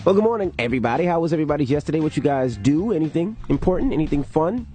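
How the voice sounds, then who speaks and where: A man's voice: fairly high pitch, rapid-fire, soft background music. A man hosting a morning radio show, chatting casually and telling stories from his week. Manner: animated, storytelling. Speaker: radio host.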